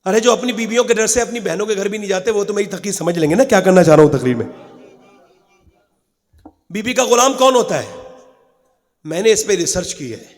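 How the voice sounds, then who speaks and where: A man preaching an emotional sermon to a gathering, dropping to hushed storytelling and rising to high shouted climaxes, urging the crowd to respond. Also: animated, pauses often, long reverb tail. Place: large gathering hall.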